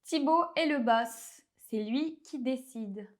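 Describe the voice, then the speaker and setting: A woman from France with a French accent, teaching a language lesson in a clear, didactic way and slowing down to spell out pronunciations. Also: high-pitched.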